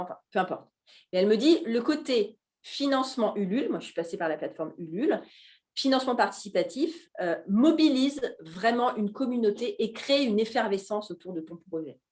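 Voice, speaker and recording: Middle-aged woman, Alsace-born chef guest; lively, halting café-talk delivery. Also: medium pitch. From Alsace, France. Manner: animated, hesitant with many fillers. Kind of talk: casual talk at a live café event.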